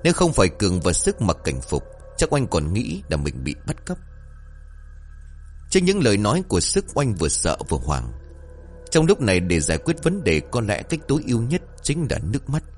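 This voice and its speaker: Male storyteller, low voice, lively rises and falls. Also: normal speed, faint music behind. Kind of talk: scripted story narration.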